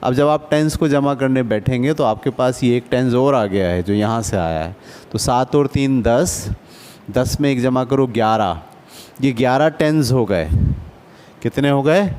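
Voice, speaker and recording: A man's voice: mid-range voice, a little mellow. A man teaching a basic math lesson to adults, patient and often checking that the class follows. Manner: patient, asks checking questions.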